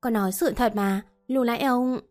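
A woman's voice: fairly high pitch, moderate pace, a little mellow, faint music behind, natural voice. A woman voicing a timid young orphan maid who answers politely and fearfully. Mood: meek. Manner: meek, polite.

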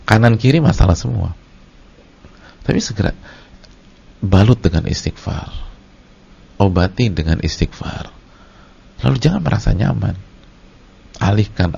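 A middle-aged man, an Islamic preacher giving a lecture to his congregation in a lively, storytelling way. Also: lowish voice, moderate pace, pauses often. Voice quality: gravelly, husky. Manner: lively storytelling, acts out short scenes. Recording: dull lo-fi lecture recording.

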